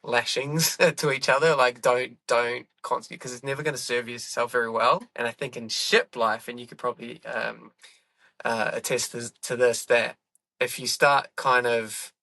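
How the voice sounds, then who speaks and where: A man's voice: mid-range voice, fairly even intonation, moderate pace, sharp tone, dry recording. A middle-aged man, a comedian chatting in a podcast interview, rambling and correcting himself as he goes. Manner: rambling, self-correcting, laughs often. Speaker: guest comedian.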